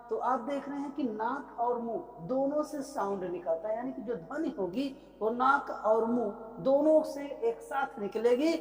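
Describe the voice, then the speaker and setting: Woman grammar teacher, slightly high voice, stretches example words, reverberant hall. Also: darkish tone. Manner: asks questions then answers them, stretches example words slowly. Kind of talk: exam-prep grammar lecture. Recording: echoey room with long reverb.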